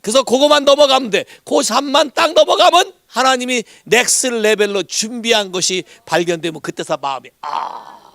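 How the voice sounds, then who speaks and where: A man preaching a Sunday sermon as pastor, lively and animated, who keeps asking the congregation whether they agree and drops English words into his Korean. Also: extremely high pitch, normal speed, vocal fry, few pauses, no room sound, clean studio sound. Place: church in Hawaii.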